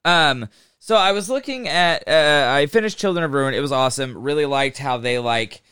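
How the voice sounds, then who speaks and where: A man's voice: a little high, animated, normal speed, bright, forceful tone, clean tone, no room sound. A man chatting casually like a frat bro, full of slang and swearing and easily amazed. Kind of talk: casual chat about books and hypotheticals.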